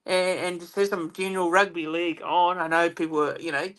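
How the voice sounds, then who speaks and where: Co-host, easygoing casual sports chat, mid pitch. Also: level tone, brisk, fairly bright tone, rough recording.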